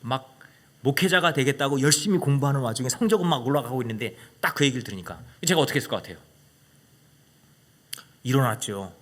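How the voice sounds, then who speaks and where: A man preaching a sermon as a pastor, telling a personal story dramatically, asking the congregation questions and swinging from loud exclamations to hushed whispers. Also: medium pitch, fast, long pauses.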